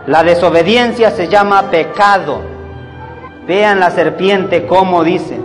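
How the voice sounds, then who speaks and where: A man preaching a sermon, emphatic and deliberate, calling his listeners brothers. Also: sits high. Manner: slow, emphatic preaching, addressing the congregation as brothers. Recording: reverberant hall with faint music.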